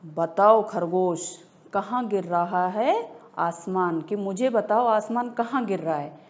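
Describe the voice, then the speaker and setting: A woman voicing an angry male lion who is king of the jungle and barks loud commands in a storybook lesson. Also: medium pitch, animated, slow pace, lo-fi sound. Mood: angry, commanding.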